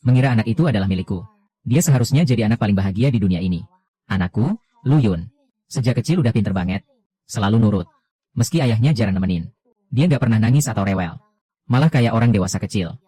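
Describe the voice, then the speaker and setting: Dark-voiced male story narrator. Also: lowish voice, lively intonation, fast talker, long pauses. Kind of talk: first-person animated story narration.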